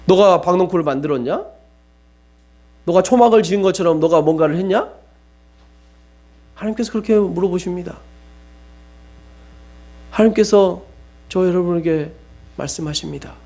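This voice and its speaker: A young adult man preaching a sermon, swinging from loud pleading questions to hushed, almost whispered lines. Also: high voice, moderate pace, long pauses.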